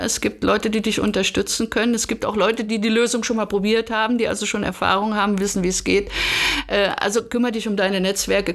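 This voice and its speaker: A woman from Berlin, Germany, appears as a podcast guest and coach, answering in a conversational interview style with considered, structured replies. Her voice is medium-pitched and creaky.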